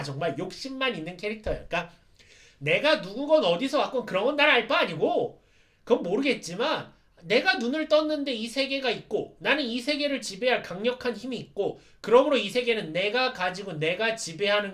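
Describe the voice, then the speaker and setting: A man hosting a chatty lecture on anime lore, lively and laughing often. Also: high voice. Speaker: host.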